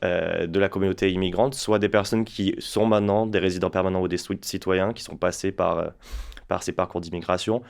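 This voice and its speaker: A twenty-something Frenchman serves as a guest spokesperson in a casual interview, speaking fairly quickly in a low, slightly mellow voice with vocal fry and fairly even intonation. He's hesitant throughout, relying on many fillers and restarts.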